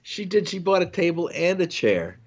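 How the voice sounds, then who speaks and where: A man's voice: high-pitched, sing-song, normal speed. Sarcastic man on a dull-sounding stream. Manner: sarcastic, mocking, joking. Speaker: co-host of a live stream show. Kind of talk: casual stream banter.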